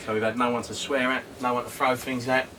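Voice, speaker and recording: A man with a southern English accent and a medium-pitched, sharp voice talks quickly with a level tone. He's a co-host rambling informally and a bit hesitantly in a casual vlog chat outdoors on a windy day. The mic picks up wind, so he sounds noisy and distant.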